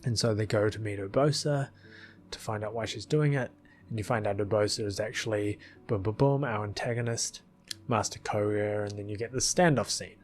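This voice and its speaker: Recorded up close over background music, this man's lowish voice moves at normal speed. He's a video creator and film editor, meandering through laid-back commentary punctuated by little chuckles.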